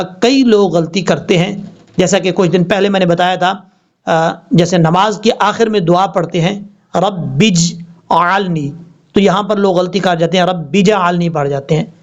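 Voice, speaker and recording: High-voiced man teaching Quran recitation. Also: dull audio. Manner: explains letter by letter, then chants words slowly. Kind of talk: tajweed lesson with slow drawn-out recitation.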